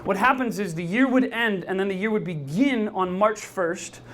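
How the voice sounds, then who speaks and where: Chatty and upbeat, a man hosting a live podcast before an audience in a bar regularly asks the crowd questions. He speaks at a normal speed in a high, fairly bright voice.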